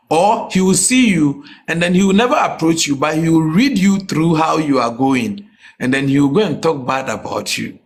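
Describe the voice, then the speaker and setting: A man with a Ghanaian West African accent speaks in a fairly high voice. He talks casually but with emphasis, as a guest making his case in a conversation. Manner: emphatic, often checks the listener understands; mixes English with a Ghanaian language. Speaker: comedian, podcast guest. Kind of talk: casual interview talk.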